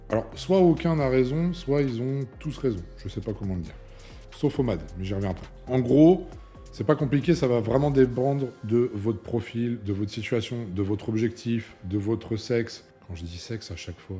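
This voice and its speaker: A man's voice: fairly low pitch, warm tone. A young man, a fitness coach, talking casually to camera, chatty and emphatic, with many fillers and asides.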